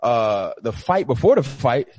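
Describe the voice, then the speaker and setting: Animated husky-voiced male sports co-host. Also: medium pitch, a little slow. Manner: animated storytelling, acting out quoted coaches. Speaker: podcast co-host. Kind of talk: casual sports chat.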